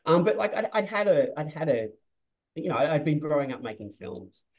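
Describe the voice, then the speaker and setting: A man's voice: on the high side, big pitch swings, normal speed, gravelly, poor audio. A man, a film director talking over a webcam in a loose, rambling way, full of restarts and "like.". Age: 40s. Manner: rambling, restarts often, says "like" a lot. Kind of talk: casual interview on a video call. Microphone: video call webcam.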